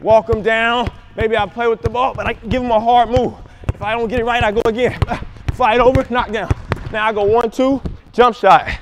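A young basketball trainer leads a coaching demonstration in a large indoor gym, energetically shouting out plays and moves on court. His voice is extremely high-pitched at a normal speed, with a little hiss or hum in the recording.

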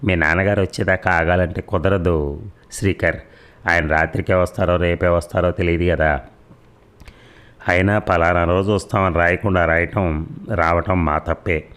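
A man's voice: sits low, steady tone, normal speed, long pauses, fairly bright tone, clear, resonant tone. A man voicing a courteous older father of a groom who speaks politely and reassuringly in an audio story.

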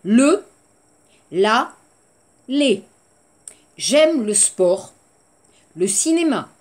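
Woman teaching french slowly, slightly high voice, repeats stuff and adds korean words. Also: big pitch swings, darkish tone. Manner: slow, repeats words, mixes in Korean glosses. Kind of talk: language lesson for Korean learners.

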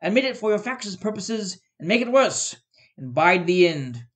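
A man's voice: big pitch swings, normal speed. A man voicing a stern, sorrowful ghost. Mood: stern warning. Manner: booming, warning, forceful. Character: grave male Ghost of Christmas Present, aging, sorrowful, stern.

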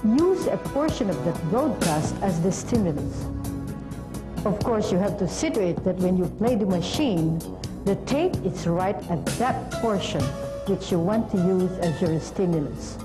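A middle-aged woman presenting a scripted lesson in a measured, deliberate, instructional way. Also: lowish voice, lively intonation, over music. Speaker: presenter of an educational program on language testing. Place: TV studio.

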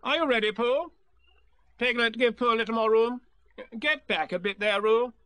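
A man's voice: extremely high pitch, moderate pace, a bit bright, smooth, no echo, voice pushed up. A man voicing a fussy male rabbit who takes command and gives orders.

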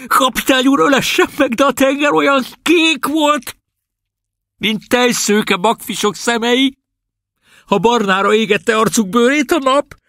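A man voicing a young male prisoner who is dreamy and excitable and bursts into rapturous, pleading speech. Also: fairly low pitch, gravelly, slightly rough, no room sound, clean studio sound, exaggerated voice.

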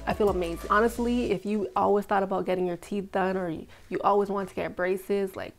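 Gravelly-voiced young woman talking with braces. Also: medium pitch, fairly even intonation, brisk, faint music behind. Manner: chatty, says "freaking" and "like" a lot. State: speaking with braces. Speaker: vlogger. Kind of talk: casual braces update vlog.

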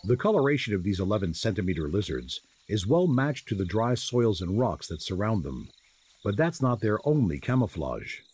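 A man reading scripted nature documentary narration in a measured, descriptive manner, as the narrator of a wildlife film. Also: fairly low pitch, very animated, a little mellow, slightly rough. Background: music.

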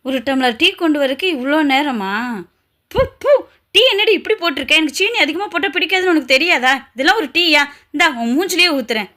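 A woman's voice: high voice, lively intonation, fairly quick, sharp tone. A woman playing a cruel, bossy stepmother who scolds harshly in an amateur family drama. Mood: furious.

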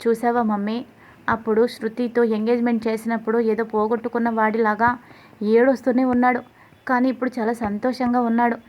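A woman's voice: a little high, little pitch movement, brisk, a little mellow, lightly acted. A woman voicing a cheerful young man who speaks fondly about his older brother. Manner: cheerful, affectionate.

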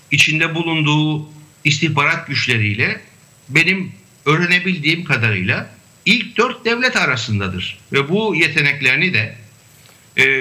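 Male academic guest, high and very bright voice, measured, filler-heavy delivery. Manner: measured, hesitant with frequent fillers. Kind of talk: remote panel discussion.

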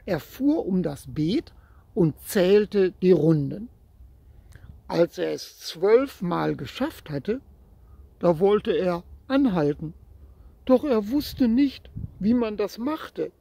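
A man reads a children's story aloud at an unhurried pace, talking gently to a child listener. His voice is husky with a gravelly edge, and the recording is close and dry with no room sound. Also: high voice, expressive, no echo.

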